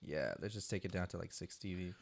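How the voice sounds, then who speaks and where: A man's voice: low-pitched, fairly quick, gravelly, slight background noise. A man chatting casually in a vlog, rambling, losing count and correcting himself as he talks through each step of editing sound. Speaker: creator recording his own sound-design challenge. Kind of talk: casual vlog talk over screen work.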